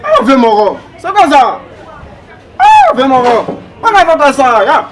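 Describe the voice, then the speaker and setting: An actor playing an agitated male customer, haggling and protesting loudly. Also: very high-pitched, sing-song, unhurried, far from the mic, a loud crowd, very noisy, full character voice. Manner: loud, protesting, repetitive.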